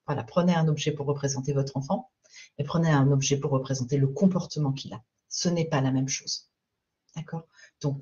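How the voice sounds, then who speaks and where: With a low voice and dull-sounding audio, a female parenting coach presents a live stream. She patiently and calmly explains her points and keeps checking in with those tuning in.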